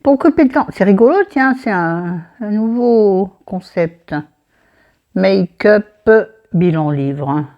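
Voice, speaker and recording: Recorded by a camera pointed at her mirror, the muffled audio captures a woman of medium pitch who speaks slowly with lively intonation. She's a book vlogger with a southern French accent, casually discussing a book as she does her makeup at her dressing table. Her talk rambles and digresses, and she often talks to herself.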